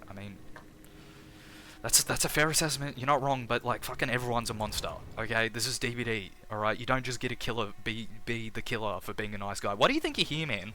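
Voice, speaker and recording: A man with an Australian accent casting a live game tournament in a chatty, energetic way, often restarting his phrases. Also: mid-range voice, quick pace, few pauses, a little hiss or hum. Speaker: tournament caster and streamer.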